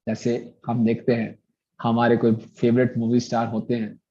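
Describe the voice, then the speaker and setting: A man's voice: mid-range voice, monotone, normal speed, mellow, lo-fi sound. A male preacher telling a devotional story, acting out the characters' dialogue as he goes.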